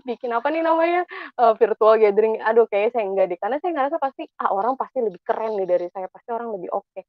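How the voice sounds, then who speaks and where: A woman's voice: a little high, dry recording. Chatty young woman over tinny audio. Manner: chatty, animated, acts out quoted thoughts. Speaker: guest speaker. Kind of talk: casual personal talk. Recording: dry, tinny phone-like audio.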